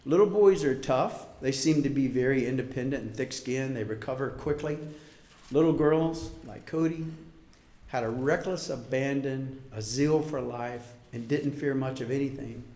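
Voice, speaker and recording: A man's voice: medium pitch, moderate pace, mellow. A middle-aged man giving a heartfelt wedding toast as father of the bride, speaking emphatically and emotionally, holding back tears. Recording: echoey room.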